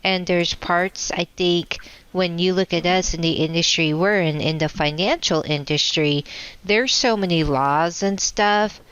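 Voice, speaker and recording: A woman's voice: lowish voice, fairly bright tone, clean tone, no echo, lo-fi sound. A woman co-hosting a casual podcast chat, speaking hesitantly with many fillers. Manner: unhurried, hesitant, filler-heavy. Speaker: podcast co-host.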